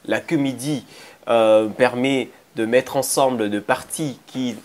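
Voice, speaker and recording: A man with a Congolese accent giving spoken commentary as a presenter, halting and repeating phrases for emphasis. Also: medium pitch, fairly even intonation. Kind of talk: spoken commentary introducing a clip. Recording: faint background noise.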